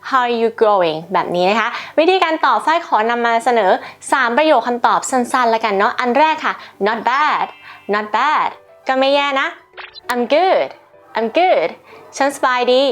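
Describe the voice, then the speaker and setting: Female English teacher, high voice, faint music bed; slow, clear phrase repetition. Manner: repeats English phrases slowly for learners. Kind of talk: friendly language lesson.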